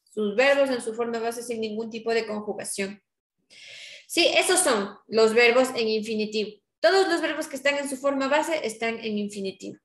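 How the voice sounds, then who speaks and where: A woman's voice: a little high, normal speed, reverberant. A woman teacher giving a patient grammar lesson to her class, often checking in with her students.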